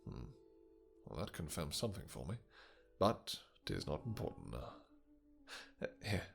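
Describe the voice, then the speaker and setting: A man playing a possessive, doting vampire king in a romantic fantasy roleplay, speaking in courtly, old-fashioned phrases with hesitant pauses and endearments. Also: rumbling low, wildly swooping pitch, vocal fry, soft background music, pitched below the performer's own voice, full character voice. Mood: tender, amused. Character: doting, possessive, vengeful male vampire king with horns and wings.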